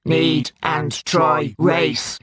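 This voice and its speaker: A woman voicing a hulking, fierce female beast that growls out slow, halting words. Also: deep voice, fairly bright tone, no echo, clean studio sound, exaggerated voice. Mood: growling.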